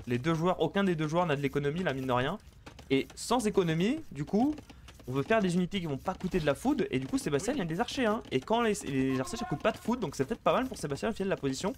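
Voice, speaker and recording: A man casting a live strategy game match, chatty and excitable, bantering with viewers between plays. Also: a little high, fast, a little hiss or hum. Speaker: esports caster.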